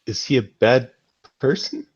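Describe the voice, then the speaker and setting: A man's voice: mid-range voice, big pitch swings, a little slow, very noisy. A man playing a tabletop game who asks casual questions about the scene. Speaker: player. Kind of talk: casual tabletop role-play. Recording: dull lo-fi sound.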